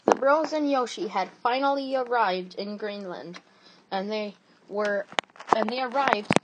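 A woman telling an improvised storybook tale in an animated way, stumbling into restarts and adding sound effects. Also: mid-range voice, measured pace, heavy background noise.

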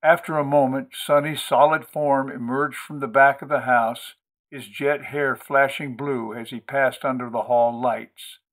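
Man reading a story aloud, steady even voice, mid pitch. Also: unhurried. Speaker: audiobook host and reader. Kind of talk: audiobook narration.

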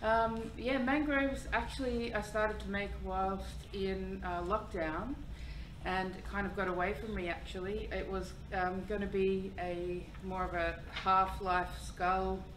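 A middle-aged woman from Fiji, an artist speaking as a guest in a relaxed, reflective way with loose fillers. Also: mid-range voice. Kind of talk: casual public talk. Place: art gallery room with audience. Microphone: far camera. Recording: echoey room, far from the mic, audible noise.

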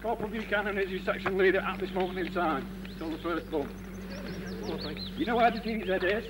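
A man's voice: high-pitched, fairly quick. A man giving clipped, commanding orders and radio calls on a field exercise, repeating his instructions. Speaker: army course instructor. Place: outdoors on open moorland beside a track. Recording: noisy lo-fi outdoor camcorder recording.

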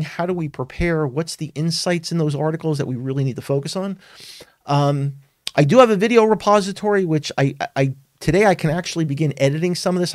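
A man's voice: fairly high pitch, a little mellow, dry recording, clean studio sound. Earnest man hosting a live tech webinar. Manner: earnest, emphatic, many restarts and fillers. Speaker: webinar host. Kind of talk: live-streamed tech talk.

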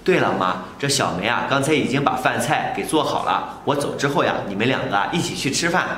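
Man playing a gentle, worried young husband. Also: mid-range voice, animated, quick pace. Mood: coaxing. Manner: gentle, coaxing. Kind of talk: short family drama acting. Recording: echoey room, faint background noise.

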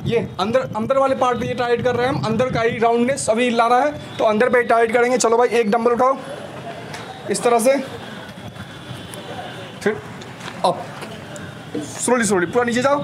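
In a home workout demonstration shot on a noisy rooftop, a young male fitness trainer coaches energetically in a high voice. He counts, says "slowly slowly" repeatedly, and gives brisk cues while traffic and street ambience carry on outdoors.

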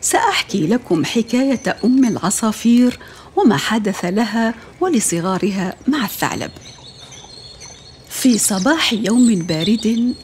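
Female storyteller for young children, measured scripted narration, a touch high in pitch. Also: expressive, a little hiss or hum. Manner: warm, measured address to children.

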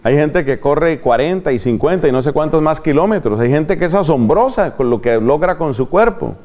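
A man's voice: fairly high pitch, animated, moderate pace, a little mellow. A man with a Colombian accent preaching a retreat sermon, repeating key phrases for emphasis and answering his own questions. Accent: Colombian Spanish.

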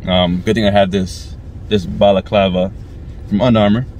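Young man, lowish pitch, chilled, halting casual car vlog, faint noise. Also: fairly even intonation, darkish tone. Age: young adult. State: chilled by the cold. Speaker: vlogger. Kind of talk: casual chat to camera. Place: inside a parked car.

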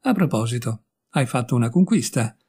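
A man's voice: mid-range voice, lively intonation, brisk, mellow, breathy edge. A man voicing a witty, worldly young male painter in an audiobook, speaking in a breezy, teasing way. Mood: amused. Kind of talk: audiobook character voice.

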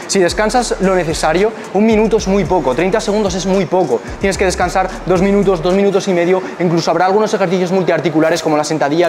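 Recorded on a small clip-on mic attached to his shirt, a young adult fitness coach gives direct gym tips to the camera inside a gym, throwing in rhetorical questions. He has a high-pitched voice, and background music adds noise to the clip.

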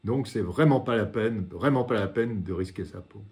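A man in his sixties speaking as a war correspondent, recounting his reporting in the first person with dramatic pauses and repetitions, recorded in a living room. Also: lowish voice, heavy background noise. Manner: dramatic storytelling with repeated phrases and pauses.

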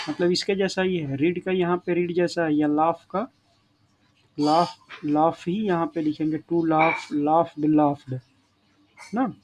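Male grammar teacher, slightly high voice, patient classroom explaining, faint hiss. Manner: addresses students as children, frequent checking tags. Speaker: English teacher.

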